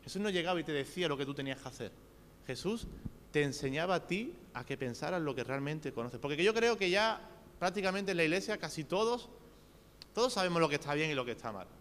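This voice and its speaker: Spanish preacher in a reverberant hall. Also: male voice, on the high side, lively intonation, fast, fairly bright tone. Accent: Spain Spanish. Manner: earnest, addresses listeners directly with rhetorical questions. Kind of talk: sermon. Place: church hall. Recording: reverberant hall with faint hum.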